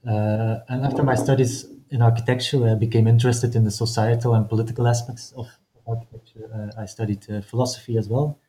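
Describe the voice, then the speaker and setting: A very mellow-voiced young man from Belgium. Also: medium pitch, flat delivery, fast, slight background noise, poor audio. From northeast Belgium. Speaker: postdoctoral researcher, interview guest. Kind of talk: casual interview answers.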